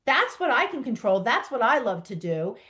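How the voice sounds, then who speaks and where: A woman's voice: a little high, very animated, normal speed, fairly bright tone. A middle-aged woman hosting a solo podcast, coaching yoga teachers in an earnest, emphatic way with many rhetorical questions to the listener.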